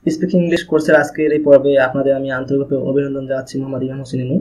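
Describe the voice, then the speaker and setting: A man's voice: mid-range voice, flat delivery, very fast, a little mellow. A man with a Bangladeshi accent teaching an English grammar video lesson, explaining step by step and asking and answering his own questions. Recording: muffled lo-fi recording.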